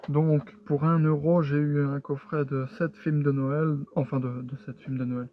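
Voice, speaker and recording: A man's voice: on the high side, flat delivery, measured pace, a little hiss or hum. A man casually showing his purchases in a haul video, talking hesitantly with many fillers and restarts. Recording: tinny lo-fi sound with faint music.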